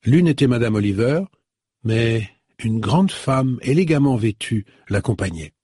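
A man with a husky voice reading a novel aloud in measured storytelling narration. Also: mid-range voice, lively intonation, warm tone, dry recording, studio quality. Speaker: audiobook narrator. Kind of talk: scripted narration.

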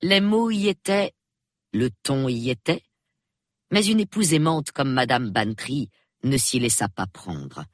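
A man reading a novel aloud as audiobook narrator, measured and expressive, close to the mic. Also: medium pitch, no room sound. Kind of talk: scripted narration.

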